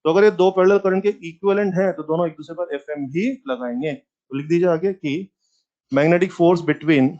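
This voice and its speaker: A man's voice: high-pitched, brisk, warm tone, muffled recording. A man teaching a physics lecture who asks questions and answers them himself, mixing English terms into Hindi.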